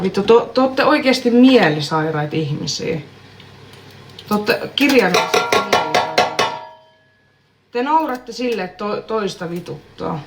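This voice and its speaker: A woman's voice: medium pitch, slight background noise. A woman live-streaming, talking to her chat in a heated, profane way and arguing back at them. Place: outdoors in a public place.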